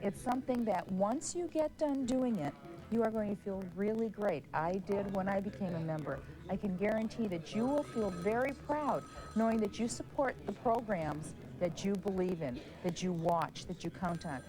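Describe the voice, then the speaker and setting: A woman's voice: mid-range voice, normal speed, a crowd in the background, rough recording. A woman hosting a public television pledge drive, speaking persuasively and earnestly with repeated, building phrases.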